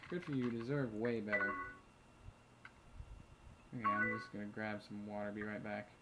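A man's voice: on the low side, level tone, moderate pace, noisy background. A man casually commentating a chat game, reading messages aloud, muttering asides and swearing freely. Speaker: let's play host. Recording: loud keyboard typing behind. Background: keyboard clicks and typing.

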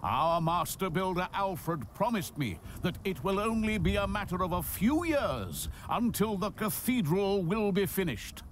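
A grave, fervent churchman; slow, animated, mid-high voice. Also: a little hiss or hum, full character voice. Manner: grave, solemn proclamation. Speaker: churchman addressing a congregation. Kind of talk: sermon-like address.

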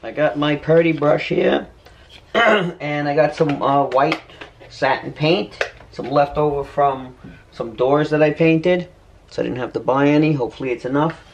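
A man's voice: on the high side, measured pace, a little hiss or hum. A middle-aged man hosting a casual DIY vlog, chatting easily and joking as he works on a staircase in his home.

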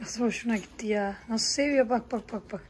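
A woman vlogging in a village, coaxing and scolding her farm animals and talking softly to viewers. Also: fairly high pitch, fairly quick, a little hiss or hum. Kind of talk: casual vlog talk to animals and viewers. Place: village garden and barn, outdoors. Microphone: phone camera.

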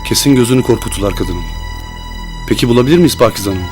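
An actor playing a worried man talking quickly with his friends. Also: mid-range voice, music in the background, close to an everyday voice. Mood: tense.

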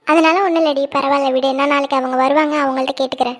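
Here the same cartoon best friend of the heroine comes through rapid-fire, voiced by a woman with a high, fairly even delivery that stays close to her everyday voice. The character is cheerful, playful, teasing and nosy.

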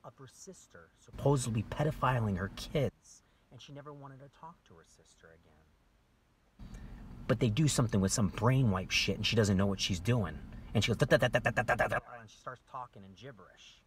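Agitated man ranting loudly. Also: mid-range voice, moderate pace. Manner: agitated, ranting, swings between shouting and muttering; profane, accusatory. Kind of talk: angry monologue to camera.

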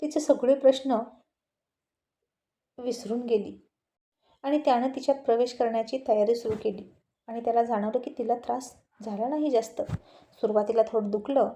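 A woman storyteller narrates in a calm, measured way. Her voice is fairly high but warm and mellow. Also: slight background noise.

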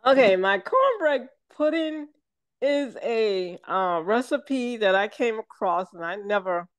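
Older southern lady on a video call, real slow, smooth voice, lots of ums, dry sound. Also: on the high side, animated, no echo. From American South. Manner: slow, meandering, many fillers and restarts. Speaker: guest, syrup maker. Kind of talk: casual interview over video call.

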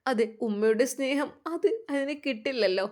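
Woman reads a tearful young wife with a Malabar Malayalam accent, soft pleading tone, storybook narration. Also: high voice, normal speed, pitched above the performer's own voice, lightly acted. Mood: sorrowful.

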